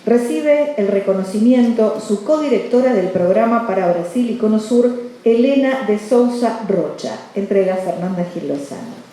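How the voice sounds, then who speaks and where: A woman serves as ceremony presenter, reading a formal script. Her tone is dark and mellow. The room rings with strong echo over a slight background noise. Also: mid-range voice, lively intonation, normal speed, hardly any pauses. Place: large echoey room at a ceremony. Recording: very echoey hall, faint noise.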